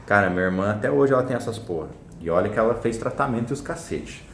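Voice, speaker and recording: Fast-talking blunt young man, echoey room. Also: lowish voice, animated, slight background noise. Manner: blunt, slangy, swears a lot. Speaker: vlogger telling a personal story. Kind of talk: casual storytelling to camera. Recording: roomy echo.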